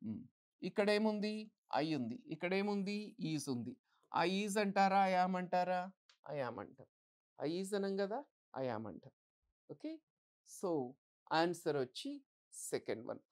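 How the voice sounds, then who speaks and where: Teaching English grammar for exams, a woman speaks in a lowish, expressive voice with a darkish tone. She reads the example sentences slowly and deliberately, putting questions to the class and answering them herself.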